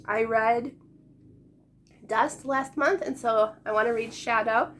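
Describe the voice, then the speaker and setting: A young woman in her late twenties talks casually to her viewers about books, her voice a touch hoarse from being sick. She speaks in a fairly high register, chatty and upbeat, with frequent little laughs. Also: slow, a bit bright, slight background noise. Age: late 20s. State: sick, voice going. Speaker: book vlogger. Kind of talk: casual chat to camera.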